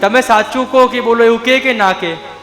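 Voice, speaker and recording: High-voiced man preaching in an echoey hall. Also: moderate pace, fairly bright tone. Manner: storytelling, rhetorical, addresses the audience directly. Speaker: devotional preacher. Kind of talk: Gujarati devotional katha sermon. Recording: echoey hall with long reverb, faint music.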